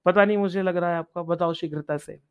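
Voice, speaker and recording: A man's voice: high voice, steady tone, brisk, clean tone, muffled recording. A man teaching Sanskrit in an online exam-prep class. He reads Sanskrit lines and explains each one in Hindi, stopping to ask his students questions.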